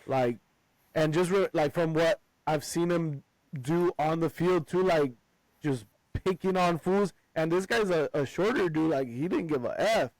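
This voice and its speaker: A man co-hosting a casual sports podcast, slangy and excitable, cursing casually. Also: fairly high pitch, unhurried, dry recording, rough recording. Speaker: podcast co-host.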